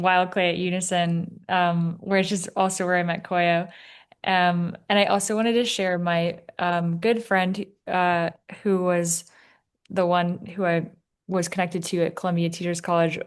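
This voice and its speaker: Woman with a smooth, flat voice. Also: on the low side. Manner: informal, uses 'like' and 'um'. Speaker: class participant. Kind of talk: casual chat on a video call. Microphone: video call.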